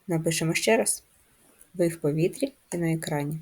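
Woman teacher, dark slightly husky voice. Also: sits low. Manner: slow, clear syllable-by-syllable explanations. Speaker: primary school teacher. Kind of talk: first-grade handwriting lesson.

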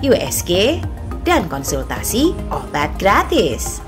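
Lively low-pitched woman narrating news. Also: slow pace. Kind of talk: scripted news voice-over. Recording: voice-over over background music.

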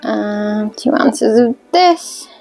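A woman's voice: on the high side, expressive, very slow, vocal fry, warm tone, faint music behind. A woman hosting a cocktail video, talking casually and rambling with fillers while she mixes drinks. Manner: chatty, rambling, self-deprecating with fillers.

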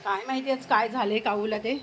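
A woman's voice: a little high, steady tone, fairly quick, a little hiss or hum. A woman chatting casually to camera at home while coaxing and calling out to a crow. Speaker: vlogger.

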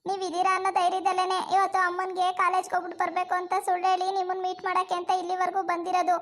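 Very high-voiced woman in village skit. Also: completely flat delivery, rapid-fire, a bit bright. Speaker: village daughter and mother in a comedy skit.

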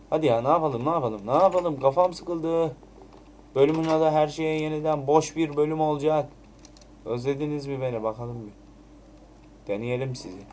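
A man's voice: on the high side, fairly even intonation, moderate pace, long pauses, darkish tone, a little hiss or hum. A man giving casual, chatty commentary while playing Minecraft, swearing now and then and muttering item names over and over as he crafts. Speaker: Minecraft let's play creator.

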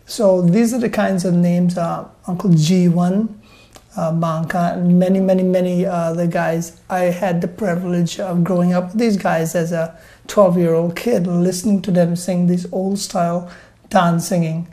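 A man in his forties from Guyana, a singer telling his family's musical history in a relaxed interview, pausing on fillers between names. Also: high-pitched. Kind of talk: casual interview talk. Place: indoor TV studio set.

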